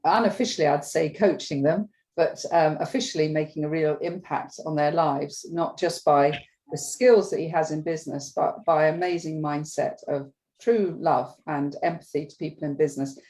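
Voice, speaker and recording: Woman host, lowish warm voice, eager but halting with lots of ums, business chat. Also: fairly even intonation, low-quality recording. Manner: enthusiastic, hesitant with many ums.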